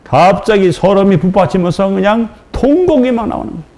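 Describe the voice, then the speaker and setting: A male pastor preaching a sermon in a church, telling an emotional personal story with acted dialogue and rising to near-shouting at its peaks. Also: sits high, lively intonation, brisk, very noisy.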